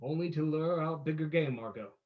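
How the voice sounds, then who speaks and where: A man's voice: fairly high pitch, fairly quick, phone-quality sound, natural voice. An actor playing a suave, menacing male vigilante detective in an old-time radio drama, with a theatrical, explanatory manner. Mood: confident, explaining.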